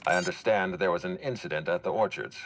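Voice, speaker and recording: An actor playing a measured, suspicious orchard boss with a formal, authoritative manner in a video game. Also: male voice, low voice, a bit bright, slight background noise. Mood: composed authority. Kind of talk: video game character acting.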